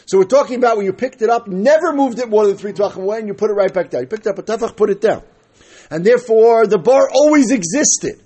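Man, Talmud teacher, husky high voice, argumentative question-and-answer delivery. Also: animated, fast, warm tone. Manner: argumentative, asking questions and answering them himself. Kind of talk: spoken text lesson, reading a phrase then explaining it.

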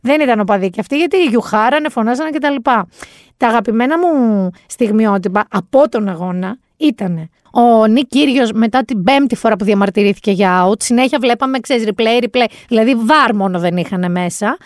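A woman hosting a podcast, telling stories in a chatty, sarcastic, animated way. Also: a little high, no room sound, studio quality. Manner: chatty, sarcastic, animated storytelling with quoted voices. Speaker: podcast host. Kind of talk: casual chat recap.

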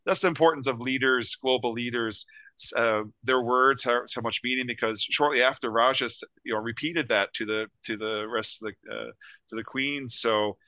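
A man's voice: medium pitch, fairly even intonation, moderate pace, bright, forceful tone, no room sound. A man from Canada, a podcast guest, talking earnestly in casual chat. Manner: earnest, many fillers and restarts.

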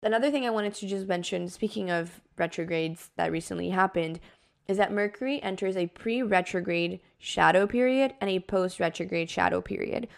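A woman's voice: medium pitch, normal speed, gravelly. A woman podcast host explaining things in a casual, conversational and reassuring way, with frequent filler words like "like" and "kind of".

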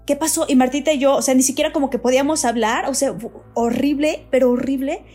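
A woman with a high, bright voice tells a frightening story in relaxed conversation, repeating words for emphasis and pressing on eagerly. Faint music sits quietly behind her voice. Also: fast talker. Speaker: guest telling a paranormal experience. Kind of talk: casual storytelling chat.

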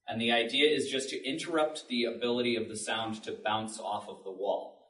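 An audio drama maker sits on a public library panel, explaining things informally in plain language. His fairly low voice is steady, brisk, and fairly bright, captured by a distant mic in an echoey room.

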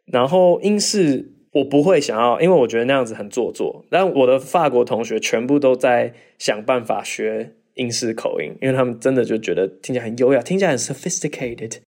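A man hosting a casual podcast, reading listener questions and answering with animated, mock-exasperated rants and jokey asides. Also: mid-range voice, a little fast, hardly any pauses. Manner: mimics accents in bursts of English. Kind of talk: casual chat.

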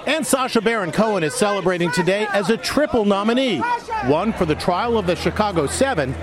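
A man's voice: high-pitched, lively intonation, a little fast. A man reading scripted tabloid TV news narration as an entertainment reporter. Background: music bed.

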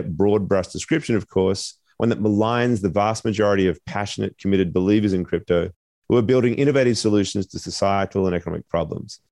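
Man, podcast co-host, low voice, thoughtful, measured, dry recording. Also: a little mellow, dry recording. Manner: measured, thoughtful, many "you know" fillers. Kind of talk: scripted intro then casual discussion.

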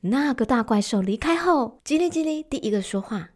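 Lively high-voiced woman storyteller. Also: fairly quick. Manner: animated and expressive. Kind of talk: children's story narration. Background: background music.

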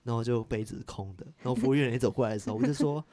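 A man from Malaysia, a podcast guest, who speaks in a flat, matter-of-fact way. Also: medium pitch, very fast. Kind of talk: casual chat.

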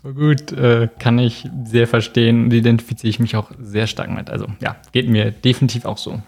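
A man's voice: mid-range voice, flat delivery, fairly quick, a little mellow. A man hosting an interview, affirming his guest in a friendly way and asking open questions. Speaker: podcast host, interviewer. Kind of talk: casual conversational interview.

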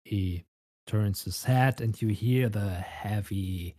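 A man narrating a tabletop game as game master, unhurried and descriptive. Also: fairly low pitch, mellow.

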